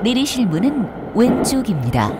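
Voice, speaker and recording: A woman announces the next subway stop in a polished recorded train announcement. Her voice sits fairly high and moves in a lively, sing-song way, formal and courteous. Loud rumbling train noise runs underneath. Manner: polite, measured, formal announcing.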